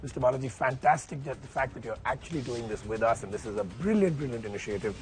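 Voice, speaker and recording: A man hosting a show, upbeat and announcing, his voice going hoarse. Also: medium pitch, lively intonation, fast, darkish tone, faint music behind. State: losing his voice. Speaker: show host.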